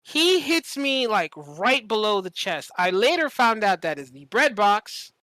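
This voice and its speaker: A male podcast host spins animated stories in a casual chat, swearing, stressing his points and repeating phrases for effect. He speaks a little slowly in a high, very animated, bright and forceful voice, with no echo.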